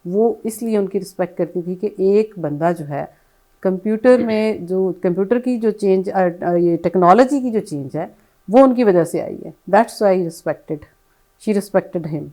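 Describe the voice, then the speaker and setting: A middle-aged woman answering interview questions in a soft, reflective way, often falling to a hush and slipping in English phrases. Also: medium pitch, poor audio. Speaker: bereaved mother, interview guest.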